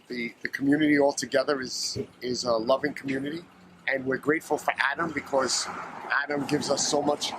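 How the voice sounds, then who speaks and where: A man, a longtime resident of his neighborhood, speaking earnestly and proudly in an interview. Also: mid-range voice. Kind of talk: interview answers. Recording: traffic noise outdoors.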